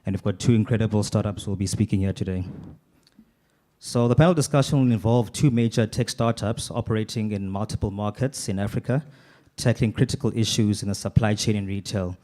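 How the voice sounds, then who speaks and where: A man moderating a panel, giving a formal, measured introduction read from notes. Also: fairly low pitch, warm tone. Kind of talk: scripted event introduction.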